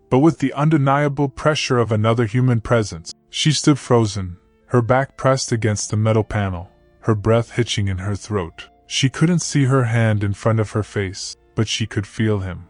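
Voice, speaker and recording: A man reading a romance story aloud in a slow, dramatic, lingering way, at an ordinary middle pitch. The recording is close and dry, with faint music playing underneath. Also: no room sound. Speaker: narrator. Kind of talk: scripted romance narration.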